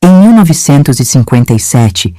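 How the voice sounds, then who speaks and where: A woman in her seventies from Minas Gerais, narrating her own life story in a gentle, measured, confiding way. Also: extremely low pitch, big pitch swings, no echo. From Minas Gerais, Brazil. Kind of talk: scripted first-person storytelling.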